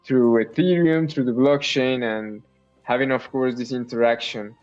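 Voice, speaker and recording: A man talking as a guest artist, enthusiastic and quick to repeat himself, with "like" dotted through his speech. His voice sits in a middle pitch. The sound is dull and lo-fi, with faint music playing behind him. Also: steady tone, a little mellow. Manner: enthusiastic, repeats words, fillers like "like". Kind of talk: casual interview conversation.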